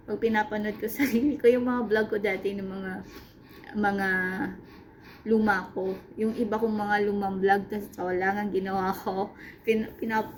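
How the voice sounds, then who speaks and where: A woman vlogger talks casually to her viewers in a soft, rambling way, filling gaps with little fillers. Her pitch sits in an ordinary middle range. A clear layer of background noise runs under her voice. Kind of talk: casual vlog chat.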